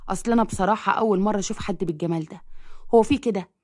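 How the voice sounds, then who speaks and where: A woman voicing a brash, tactless widowed middle-aged man with an Egyptian accent who blurts out loud compliments. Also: mid-range voice, very fast, dry recording, clean studio sound, natural voice.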